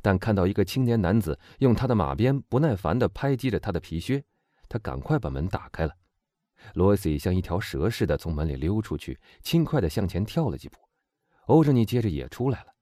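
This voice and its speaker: A man narrating a classic novel as an audiobook reader, measured and expressive. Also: sits low, dry recording, studio quality. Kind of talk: scripted narration.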